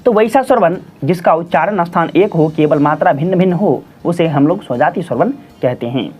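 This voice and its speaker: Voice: mid-range voice, fairly quick, a little mellow, slightly rough. A teacher giving a patient grammar lesson, repeating each definition and answering their own questions while addressing listeners as friends and children. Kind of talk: classroom-style grammar lesson. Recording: dull lo-fi audio with faint music.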